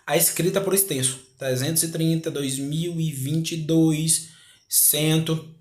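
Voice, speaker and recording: A man teaching a grammar lesson, explaining slowly, repeating words and asking rhetorical questions. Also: a little high, darkish tone. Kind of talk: grammar lecture. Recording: echoey room.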